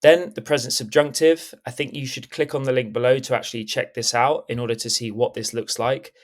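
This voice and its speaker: A man's voice: medium pitch, steady tone, fairly quick. Methodical man teaching a grammar lesson. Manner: clear, methodical, checks in with "okay?". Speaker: Spanish teacher. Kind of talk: screen-recorded grammar lesson.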